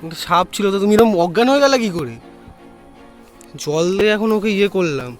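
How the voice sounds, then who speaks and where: A man's voice: high voice, expressive, brisk, faint music behind. A man vlogging casually outdoors who keeps repeating himself insistently. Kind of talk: casual vlog chat.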